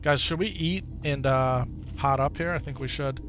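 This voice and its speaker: A man from Wisconsin with an Upper Midwest American accent chats casually with viewers during a live game stream, often repeating himself. His mid-range voice is a bit bright at a moderate pace, with soft music in the background.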